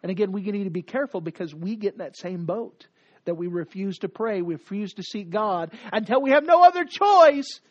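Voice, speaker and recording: Preacher, lively sermon delivery, loud to hushed, dull lo-fi recording. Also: mid-range voice, brisk, dry recording. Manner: dramatic swings from loud to hushed; emphatic, repetitive cadence.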